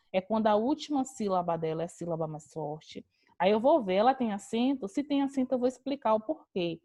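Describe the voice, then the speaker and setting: A woman's voice: medium pitch, darkish tone, dry recording. A young adult woman, teaching a grammar lesson over a video call and addressing her students directly.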